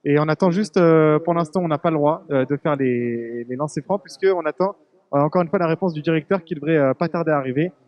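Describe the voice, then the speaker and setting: Young male field reporter, quick, playful, slightly high voice, live at a fair. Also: highs cut off. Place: busy indoor agricultural fair hall.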